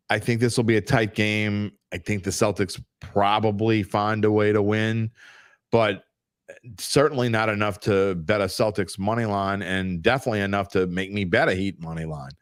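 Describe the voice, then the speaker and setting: Blunt, emphatic man with a low voice. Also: no echo, studio quality. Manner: emphatic, blunt, worked-up arguing. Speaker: sports betting podcast co-host. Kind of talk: casual sports betting debate.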